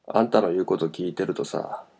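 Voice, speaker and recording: A man reading a novel aloud, voicing a sharp-tongued, exasperated woman in a scornful, challenging manner. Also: sits low, brisk, gravelly, husky, heavily acted. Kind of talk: audiobook character voice.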